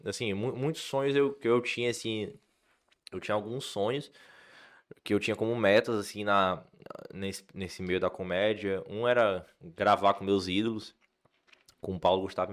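A man from Ceará, a comedian telling stories in a casual chat, full of fillers and restarts. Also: fairly low pitch. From Ceará, Brazil. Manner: animated storyteller, many fillers and restarts. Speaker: comedian guest.

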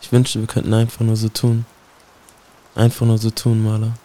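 A man's voice: fairly low pitch, completely flat delivery, normal speed, mellow. A man performing a spoken-word poem in a solemn, brooding way, speaking directly to someone he addresses. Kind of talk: spoken-word poetry recitation.

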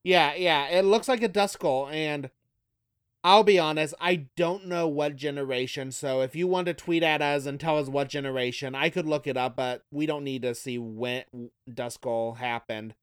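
A man's voice: a little high, moderate pace, clear, resonant tone, no echo, studio quality. A man co-hosting a podcast, eagerly pointing out details and quizzing his partner. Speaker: podcast co-host. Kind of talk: casual podcast chat.

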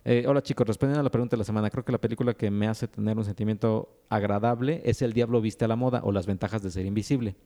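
Guy cohosting a podcast, reads out comments, dark mellow voice. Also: on the low side, steady tone, fast talker, few pauses. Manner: reads comments aloud, laughs often. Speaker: podcast co-host reading listener comments. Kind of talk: casual podcast chat.

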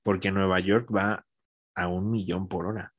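A man's voice: sits low, a little slow, slightly rough, dry recording. A man, chatting casually, opinionated and acting out quotes. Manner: animated, opinionated, acts out quotes. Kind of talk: casual chat.

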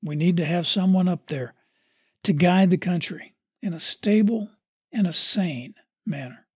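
Preacher type with a husky tone, earnest and measured, recorded close and dry. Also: mid-range voice, a little mellow, dry recording. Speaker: podcast host reading a parent's sermon. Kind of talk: sermon.

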